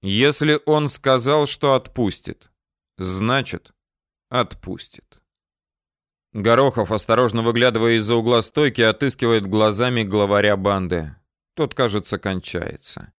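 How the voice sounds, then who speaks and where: A man reading an audiobook in measured, unhurried narration. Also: on the low side, a bit bright, smooth, no echo, clean studio sound. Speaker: audiobook reader. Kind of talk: scripted narration.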